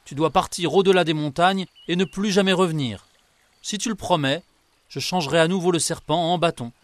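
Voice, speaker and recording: A man voicing an old male beggar with hidden powers, calm and threatening, in a storybook reading. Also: on the high side, a little fast, no room sound, pitched above the performer's own voice, close to an everyday voice. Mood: stern.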